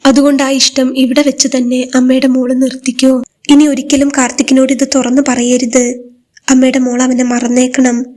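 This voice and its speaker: A woman's voice: high-pitched, monotone, normal speed, a little mellow, close to an everyday voice. A woman voicing a middle-aged widowed mother in a spoken story, soothing yet cautioning her daughter. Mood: gentle, firm.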